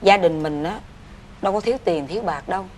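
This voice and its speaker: A woman's voice: lowish voice, fairly quick, noisy background, close to an everyday voice. An actress with a Southern Vietnamese accent playing a worried, middle-aged rich mother in a cartoon fairy tale. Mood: coaxing. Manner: coaxing, then frantic wailing. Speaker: voice actor. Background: music.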